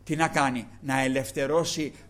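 A man's voice: mid-range voice, fairly even intonation, a bit bright. An older man preaching a sermon with fervor, repeatedly breaking into praise refrains and speaking directly to the congregation. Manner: fervent, punctuates with praise refrains; addresses the flock, slow emphatic stretches.

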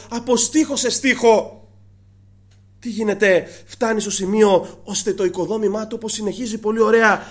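High-voiced man preaching a sermon. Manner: addresses listeners as brothers, swings from hushed to raised.

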